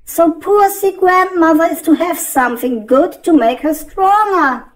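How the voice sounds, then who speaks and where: A man voicing a sweet, polite little girl in a high, sing-song falsetto. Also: measured pace. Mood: innocent.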